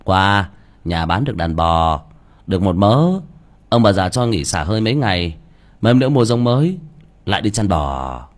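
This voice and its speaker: A man's voice: low voice, sing-song, moderate pace. A man voicing a blunt, crude-talking young village cowherd. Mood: casual boasting.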